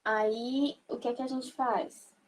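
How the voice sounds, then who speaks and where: A young woman with a high, light voice leads an online sign language class at an unhurried pace. She explains each step patiently and keeps checking that her students are following along. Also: fairly even intonation. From Brazil. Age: young adult. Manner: slow, patient, frequent check-ins with the class.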